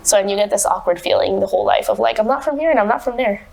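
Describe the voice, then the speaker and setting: A young woman from Venezuela hosts a podcast and keeps the chat loose and joking. She laughs often between her questions, with a voice of ordinary pitch for a woman. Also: racing, gravelly, a little mellow, poor audio. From Venezuela, raised in the United States. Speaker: podcast host. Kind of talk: casual interview chat. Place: podcast recording in Miami.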